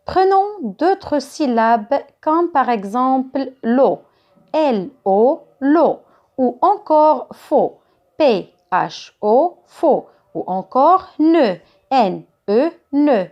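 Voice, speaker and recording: A woman's voice: high voice, expressive, extremely slow, darkish tone, lo-fi sound. A woman teaching a phonics reading lesson to young children, spelling letters and syllables out carefully, with a Moroccan French accent. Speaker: kindergarten teacher.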